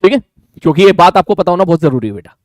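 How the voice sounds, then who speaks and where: A man teaching a live online class, talking fast and repeating his phrases with frequent checks for understanding. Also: sits high, lively intonation, no room sound, studio quality.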